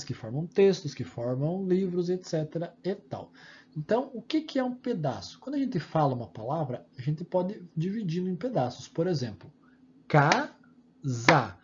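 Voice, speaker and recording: A man's voice: a little high, warm tone. A male preschool teacher with a Brazilian accent patiently explains homework to young children, spelling out each step. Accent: Brazilian Portuguese. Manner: patient, slow and sing-song, spelling out steps for small kids. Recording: dull lo-fi audio with faint background hum.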